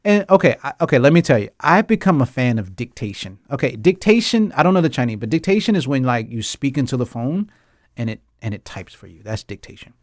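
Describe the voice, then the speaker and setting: A man's voice: medium pitch, big pitch swings, brisk, dry recording, clean studio sound. A man hosting a casual talk about a TV drama, ranting emphatically with lots of repetition and frequent laughs. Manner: laughs often. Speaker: host; English teacher.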